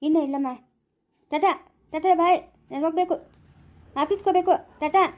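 A busy, chiding mother of the house, played by a woman, talking quickly in a very high voice. Her manner is brisk and scolding, as in a homemade family skit. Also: darkish tone.

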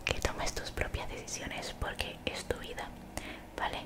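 A young woman gives soothing, motivational ASMR in a breathy whisper very close to the mic, gently repeating phrases. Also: unhurried. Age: young adult. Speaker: ASMR creator. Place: small bedroom, indoors. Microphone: desktop condenser mic, very close.

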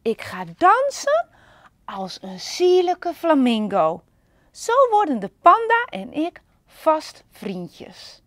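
A woman voicing a lonely, eager young male panda in a picture-book reading, with high, bouncy exclamations. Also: huge pitch swings, takes it slowly, no echo, exaggerated voice.

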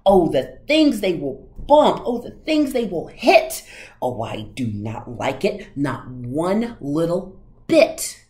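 An indignant little storybook fish, acted by a woman, fussy and stern. He scolds emphatically, with animated swings in pitch. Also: takes it slowly, exaggerated voice. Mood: alarmed. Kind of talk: storybook read-aloud.

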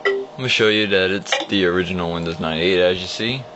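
This young vlogger has a low voice and talks fast, rambling and restarting as he clicks through an old computer and explains it in an off-the-cuff screen walkthrough. He's indoors at his home computer desk, holding a phone camera at the screen, and the recording is dull, lo-fi and humming.

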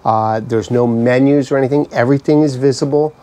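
A man in his forties giving a casual, relaxed unboxing review, thinking aloud with fillers as he goes, recorded on a screened outdoor patio by a camera mic a few feet away. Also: medium pitch, fairly quick. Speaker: product reviewer.

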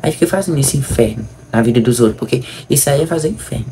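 A man's voice: medium pitch, quick pace, creaky, dark tone, a little hiss or hum. A young man with a Brazilian accent giving casual, exasperated, teasing reaction commentary in colloquial speech. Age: young adult. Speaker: vlog host recapping a soap opera. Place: small room indoors.

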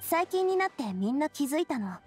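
Voicing Navia for a Japanese anime game, a woman portrays a confident, cheerful young leader, a boss made fairytale king. Her high-pitched, darkish voice swings widely in pitch and runs a little fast, and she sounds breezy, self-assured and matter-of-fact over soft music.

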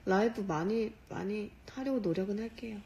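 A woman in her late twenties chatting casually on a phone livestream from a dim room at night, speaking softly and sometimes in whispers. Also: mid-range voice, normal speed. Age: 20s. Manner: soft, quiet and relaxed, dropping to whispers. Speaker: livestream host. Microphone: phone held close.

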